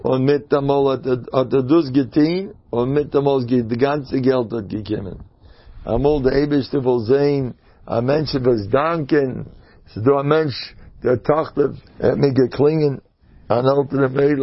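A man giving a sermon through anecdotes, in a halting, stop-and-start way, on a dull lo-fi recording. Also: medium pitch, no echo. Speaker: religious teacher.

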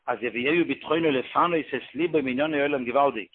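A man giving a storytelling religious talk, retelling events in a quick run-on way and jumping up in pitch for the voices he quotes. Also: breathy edge. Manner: quick run-on phrasing with many Hebrew religious terms. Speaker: religious teacher. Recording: tinny phone-line or radio-band sound.

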